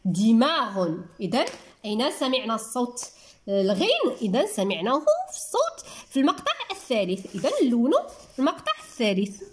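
A woman with a Moroccan accent teaching young children to read, sounding words out slowly one syllable at a time in a patient manner. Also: a little high, big pitch swings. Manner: patient, talks to children as little ones. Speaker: primary school teacher. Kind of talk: reading lesson for young children.

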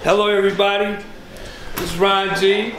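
A barber instructor with a fairly high voice, rushing through an upbeat pitch. The room is echoey and busy noise sits under him. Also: male voice, little pitch movement. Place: indoor school studio. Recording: roomy echo, background noise.

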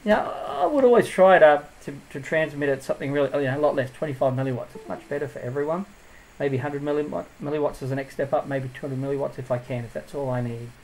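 A man's voice: fairly high pitch, fast talker, darkish tone, a little hiss or hum, poor audio. A man giving a casual hands-on tutorial as he builds a drone, thinking aloud and drifting into asides.

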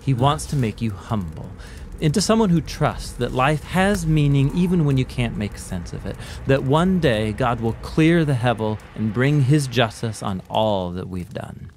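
A man narrating a scripted explainer in a clear, measured storytelling voice. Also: medium pitch, expressive, a little mellow, a little hiss or hum.

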